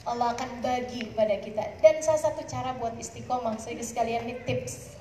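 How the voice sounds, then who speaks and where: A woman preacher giving a lively religious talk to women, speaking with some mixed in, her voice swinging between soft and raised. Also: fairly high pitch, brisk, recorded from a distance. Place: community hall. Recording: echoey hall, faint noise.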